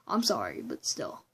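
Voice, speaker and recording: A woman giving a casual, rambling movie review at home, often restarting sentences and breaking into giggly asides. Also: rough recording. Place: room at home with a computer behind her.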